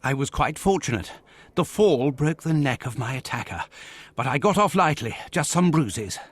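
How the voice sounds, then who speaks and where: An actor playing a loyal, earnest Victorian doctor in a video game, with a husky voice. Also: male voice, mid-range voice, animated, moderate pace.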